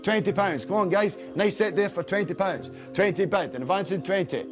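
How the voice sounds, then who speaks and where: A man's voice: sits high, over music. A man working as an auctioneer, chanting bids in repetitive runs of numbers in an auction room. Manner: repetitive rapid-fire numbers and bid calls.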